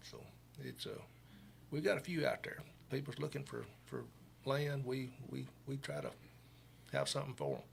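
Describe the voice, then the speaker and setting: A man's voice: mid-range voice, very animated, normal speed, gravelly, a little hiss or hum. A man chatting casually in a folksy, colloquial way, recorded slightly off-mic. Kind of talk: casual on-air chat.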